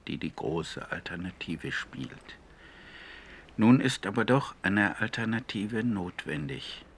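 On a 1970s recording, a man conducts a reflective documentary radio interview. His phrasing is deliberate, measured, and earnest, and his voice is low-pitched and a bit bright.

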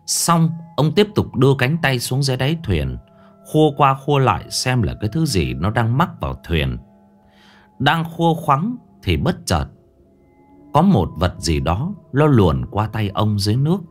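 A man's voice: mid-range voice, very animated, normal speed, faint music behind. A man narrating a ghost story dramatically, lingering on eerie details.

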